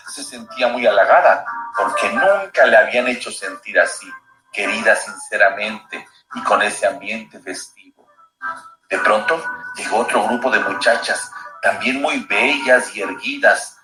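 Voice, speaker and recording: A man reading his own story aloud, expressive and slowing down for suspense. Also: lowish voice. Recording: roomy echo with music bed.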